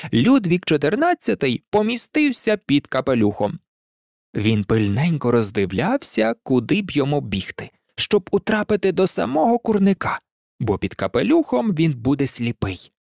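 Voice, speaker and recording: Expressive storybook narrator. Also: mid-range voice, vocal fry, no room sound, studio quality. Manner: expressive, lively reading. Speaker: audiobook narrator.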